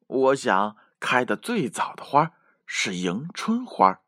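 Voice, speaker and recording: A man voicing a cheerful, confident little bunny in a children's bedtime story, with high, excited, drawn-out exclamations. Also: no echo, clean studio sound. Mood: sure.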